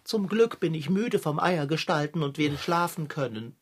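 A woman's voice: deep voice, expressive, normal speed, heavy background noise. A woman voicing a pompous, gloomy talking male cat in an audio drama. He talks in a lofty, eloquent and condescending way.

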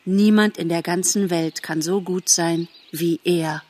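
A woman's voice: lowish voice, fairly even intonation, measured pace, very noisy, close to an everyday voice. Gobo, a woman as a boastful young buck. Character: young male deer, boastful and earnest.

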